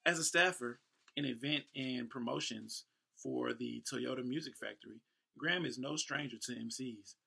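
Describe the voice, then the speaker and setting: Here a creaky, husky man speaks at a normal speed and medium pitch. A professional event MC and host from Houston, Texas, in his thirties, he reads aloud in a playful way, breaking into ad-libs, shout-outs and casual asides.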